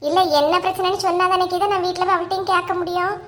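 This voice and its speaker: A stern, prying mother-in-law from a Kanyakumari comedy cartoon, as a woman acts her out, with a high, piercing voice and a demanding tone. She keeps pressing for answers. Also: little pitch movement, rapid-fire, a bit bright. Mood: indignant. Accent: Kanyakumari Tamil. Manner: questioning, indignant.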